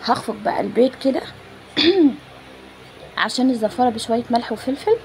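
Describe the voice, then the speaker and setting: This home cook, an Egyptian-accented woman, walks viewers through a recipe in a relaxed, informal way, addressing them directly. She sounds animated, her pitch a little high and her pace moderate. The audio is rough, captured on a phone with clear background noise.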